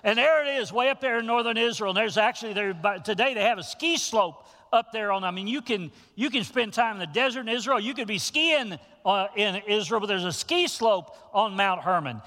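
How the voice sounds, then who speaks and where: A man preaching a sermon to his congregation as pastor, telling the story with animated, folksy asides. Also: high-pitched, brisk, hardly any pauses, in a large hall.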